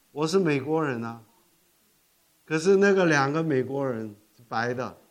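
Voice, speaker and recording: An older man, raised in Korea, preaches an animated sermon in a somewhat high voice. He tells stories, keeps correcting himself mid-sentence and mixes English words into his talk. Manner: animated storytelling with frequent self-corrections and code-switching to English. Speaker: pastor.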